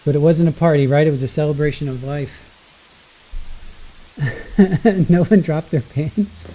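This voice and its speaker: A man giving casual live commentary, rambling and correcting himself as he goes, with a low hiss under his voice. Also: a little slow, dark tone, low-quality recording. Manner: rambling, self-correcting, exclaiming. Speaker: livestream trial commentator.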